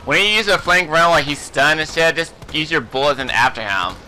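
A man commenting on his own gameplay, swearing a lot and yelping and shouting whenever he panics. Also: a little high, a little fast, slight background noise. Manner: excitable, profane, yelps and shouts in panic. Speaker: let's play host.

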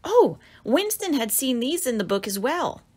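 Here a woman performs her own children's picture book, giving it expressive narration and big exclamations for a young audience. She speaks at a normal speed in a high, slightly breathy voice.

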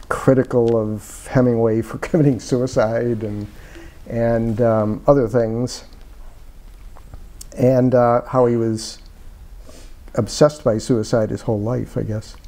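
A man's voice: mid-range voice, mellow. An older man talking as an author being interviewed, reflective and meandering with many fillers, on a lapel mic in a small parlor-style room. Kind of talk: casual conversation.

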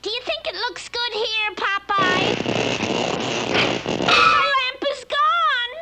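A woman's voice: very high-pitched, animated, takes it slowly, pushed and bright, faint music behind, exaggerated voice, low-quality recording. A woman voicing a sweet, dithery young female character in a vintage cartoon, fluttery and plaintive.

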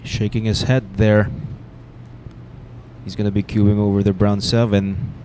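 A man giving billiards commentary with low-key, laid-back remarks. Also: little pitch movement, a little slow, mellow, a little hiss or hum.

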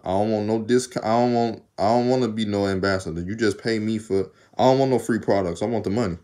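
A young Southern guy vlogs from a small indoor room, holding his phone at arm's length as he chats casually to the camera. His low, mellow voice moves quickly as he rambles in a talkative, laid-back way and laughs often. His arms are tired from undoing his braids.

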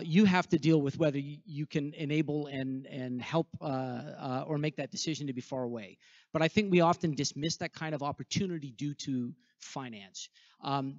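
Holding a handheld mic in a church sanctuary with a choir behind him, a middle-aged school representative earnestly and gratefully asks the congregation for donations. His voice is fairly high-pitched with a darkish tone, and the recording sounds dull and dry, without room sound.

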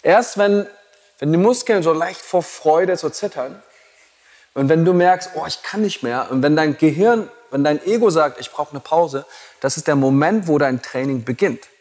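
A man's voice: on the high side, moderate pace, a little mellow. A man teaching yoga teacher trainees in a blunt, provocative way and laughing at his own jokes. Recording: long hall reverb.

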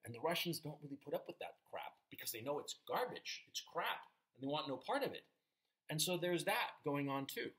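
A Chilean vlogger in his fifties gives a casual opinion monologue to camera from a small room at home, recorded through a webcam mic at low quality. His voice is on the high side and a little fast, and he's animated and emphatic, gesturing with his hands.

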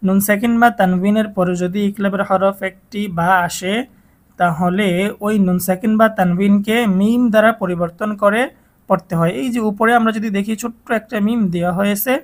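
A man with a Bangladeshi Bengali accent teaching Quran reading, who spells out letters and vowel marks and then draws out whole words slowly. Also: high voice, steady tone.

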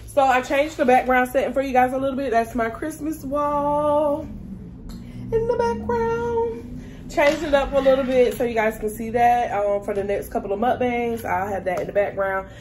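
With a high-sitting, darkish voice at a moderate pace, a woman vlogger eats a meal and talks casually to her audience in mukbang fashion. There's a little background noise.

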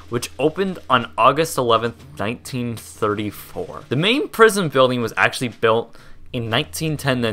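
A man's voice: mid-range voice, sharp tone. A young man hosting a casual history video, chatty and rambling, laughing and tripping over words. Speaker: host.

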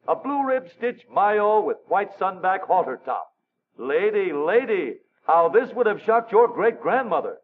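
A man's voice: high-pitched, narrow, tinny audio. A man narrating an old newsreel in a wry, showy announcer style, heard on a scratchy 1930s newsreel soundtrack.

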